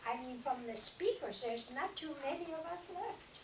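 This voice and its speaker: A woman's voice: high voice, lively intonation, moderate pace. An elderly woman from Germany, whose first language is German, speaking earnestly and directly to a school class in a room, with no microphone. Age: older. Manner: earnest, direct, urges listeners. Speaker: Holocaust survivor speaking to students. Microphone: no mic, recorded from across the room. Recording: roomy, distant, faint hiss.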